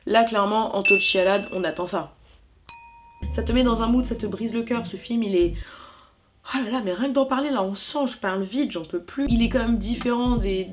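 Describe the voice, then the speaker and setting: A young woman chatting animatedly about films she loves, slangy and quick to correct herself. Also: mid-range voice. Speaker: YouTuber. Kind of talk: casual film review vlog.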